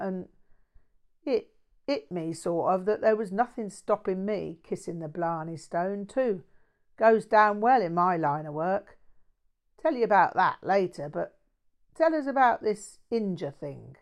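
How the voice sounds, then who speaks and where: A woman's voice: medium pitch, lively intonation, unhurried, clear, resonant tone. A woman voicing a brash, cheeky working-class man in an audiobook story, with a blunt, matey, slangy way of talking.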